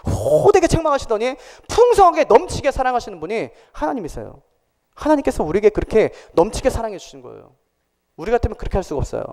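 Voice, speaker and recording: A man's voice: extremely high pitch, huge pitch swings, fast, darkish tone, long reverb tail. A male pastor preaching a sermon in a church, talking conversationally and asking the congregation questions.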